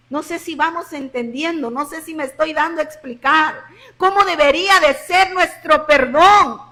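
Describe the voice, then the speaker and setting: Woman pastor, Mexican Spanish accent, bright forceful tone, repeats lines for emphasis. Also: high-pitched. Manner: impassioned preaching, swinging between loud emphasis and hushed drops. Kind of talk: sermon.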